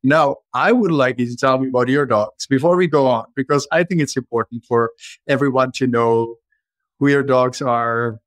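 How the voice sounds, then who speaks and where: A man with a Czech accent hosts a casual podcast chat, drifting into long personal stories. His voice sits at an ordinary middle pitch. The recording is dry and close with no room sound. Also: moderate pace, dry recording. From Czech Republic. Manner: rambling, personal storytelling. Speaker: podcast host.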